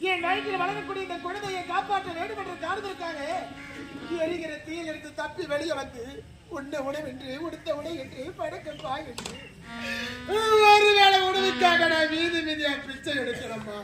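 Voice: very high-pitched, moderate pace. A performer in a stage drama playing a young orphaned mother who wails and sobs as she laments her lost son. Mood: lamenting. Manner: wailing, sobbing, declamatory lament. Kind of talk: Tamil stage drama acting. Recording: echoey stage recording with music.

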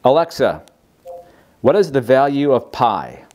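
Lively man hosting a tech demo. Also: mid-range voice, measured pace. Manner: lively, amused, asking the device questions. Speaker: host demonstrating a voice assistant. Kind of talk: casual tech demo narration.

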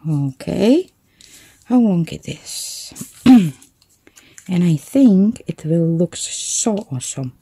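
Slow, mellow-voiced woman crafting. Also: lowish voice, lively intonation, breathy edge, no echo. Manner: thinks aloud while working, self-correcting. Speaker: craft channel host. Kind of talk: casual crafting tutorial.

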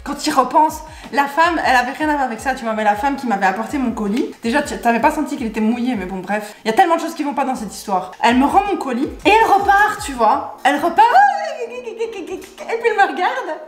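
A woman telling a personal story to her viewers in a casual vlog, animated and exasperated, often laughing. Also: sits high, fast, hardly any pauses, faint music behind. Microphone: Rode microphone. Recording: roomy echo.

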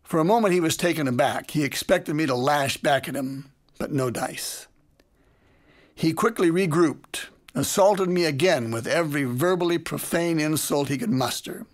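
A man, a parenting educator, telling a classroom story in measured, deliberate scripted narration. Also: a little high. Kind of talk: scripted narration of a lecture anecdote.

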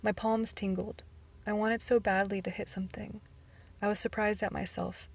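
A woman's voice: medium pitch, flat delivery, normal speed, gravelly, slightly rough. A woman narrating a novel in the first person as an amateur audiobook reader, with occasional stumbles and restarts.

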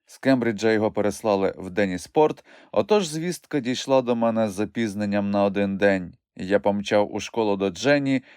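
A man reading a novel aloud as a first-person audiobook narrator, in an expressive, animated way. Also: on the low side, a little fast, few pauses, smooth, no room sound, studio quality.

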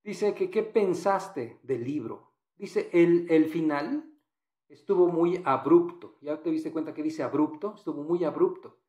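Slow, patient male English teacher. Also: on the high side, mellow, echoey room. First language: Spanish. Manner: patient, repeats and translates phrases. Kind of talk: explaining exam answers.

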